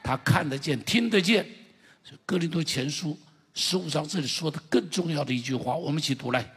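A man with a fairly high, husky, breathy voice preaches a sermon in a church. His delivery is emphatic and builds to loud, shouted declarations. The sound carries a long reverb from a large hall. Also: fairly quick. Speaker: pastor. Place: church sanctuary.

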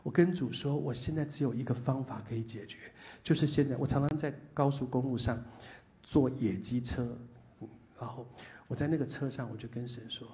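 A man, giving a sermon testimony to a congregation. He swings between loud, pleading outbursts and hushed whispers. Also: medium pitch, steady tone, normal speed.

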